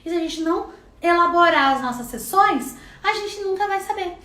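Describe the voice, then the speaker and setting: Brazilian woman teacher, high pitched, chatty, roomy sounding room. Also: lively intonation, moderate pace, bright, forceful tone. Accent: Brazilian Portuguese. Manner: chatty, frequent "né" tags. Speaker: neuropsychopedagogy teacher. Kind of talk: casual online lesson. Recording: roomy echo.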